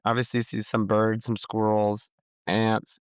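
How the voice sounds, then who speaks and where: A man talking as a podcast guest, telling his race story in a relaxed, rambling way with lots of fillers. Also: on the low side, a little slow, clean tone, dry recording. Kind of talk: casual interview chat. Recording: slightly dull, dry sound.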